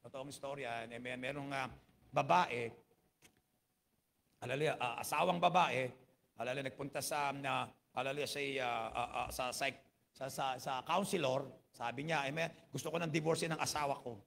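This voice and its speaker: A man's voice: medium pitch, fairly even intonation, moderate pace, gravelly, a bit bright. A man with a Filipino accent preaching a sermon as pastor, scattering hallelujah and amen through every phrase and mixing English into his Filipino. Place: church.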